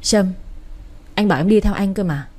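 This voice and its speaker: A woman's voice: medium pitch, normal speed, warm tone, lightly acted. A woman voicing a frustrated young husband who firmly defends his wife. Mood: exasperated. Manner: firm, exasperated.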